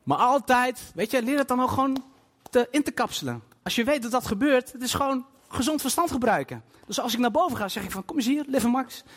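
A man preaching a sermon to a congregation in a church hall, emphatic and animated, with bursts of loud emphasis and English phrases dropped in. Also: very high voice, fairly quick. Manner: scatters English phrases into his talk. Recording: long hall reverb.

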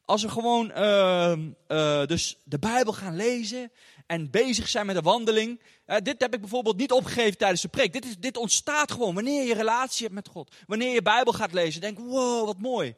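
A man's voice: high voice, a little fast. A man with a Dutch accent preaching a sermon in a church hall, chatty and informal, often adding little tag questions. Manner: chatty, with frequent tag questions and filler sounds. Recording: long hall reverb.

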